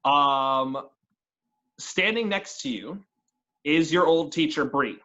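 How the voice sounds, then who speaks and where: A man runs a tabletop game as its narrator, his voice sitting a little high. He talks casually and restarts his phrases as he goes. The recording sounds dull and lo-fi. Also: slow, sharp tone. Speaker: dungeon master.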